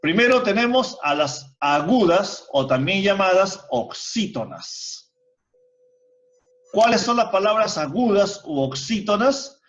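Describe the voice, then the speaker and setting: A man's voice: high voice, animated, takes it slowly, fairly bright tone. A male teacher giving a grammar lesson in an online class, explaining step by step and asking the students rhetorical questions. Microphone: video call. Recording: muffled video call audio.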